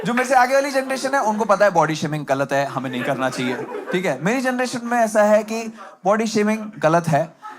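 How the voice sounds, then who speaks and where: A man's voice: high-pitched, big pitch swings, brisk, crowd noise. A young man performing a stand-up comedy set, self-mocking and conversational, acting out other people's lines. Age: young adult. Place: comedy club stage with live audience. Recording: loud audience laughter and noisy room.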